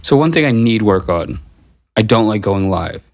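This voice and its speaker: A man's voice: lowish voice, expressive, moderate pace, creaky. A man who is a guest musician in a casual podcast conversation, talking in a blunt, profane, matter-of-fact way.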